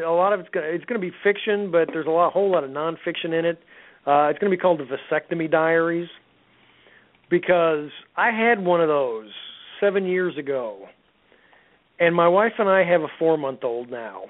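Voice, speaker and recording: Man, middle-aged, rambling storyteller, restarts a lot, radio chat, thin phone-like sound. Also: on the high side. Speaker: guest author.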